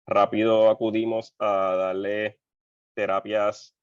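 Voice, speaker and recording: A man's voice: lowish voice, level tone, slow pace, dry recording. A man, a physician speaking earnestly on an online panel and repeating his key points. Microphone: video call. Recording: muffled video-call audio.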